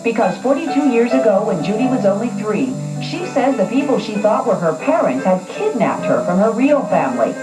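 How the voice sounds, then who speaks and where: A woman's voice: medium pitch, very animated, normal speed, few pauses. A woman reporter narrating a scripted tabloid news story in a dramatic storytelling manner, recorded on old, echoey TV sound. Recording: echoey, distant old TV broadcast with music.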